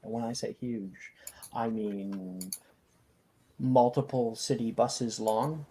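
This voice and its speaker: A game master narrating a tabletop fantasy game, describing scenes in a halting, improvised way. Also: medium pitch, fairly even intonation, warm tone, a little hiss or hum.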